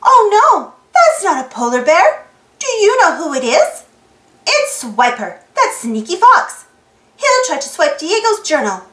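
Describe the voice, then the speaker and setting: With wildly swooping pitch in a very high voice, this channel host reads storybooks aloud for kids, exclaiming and asking the young listeners questions. The pace is measured, the tone pushed and bright, and the room echoes.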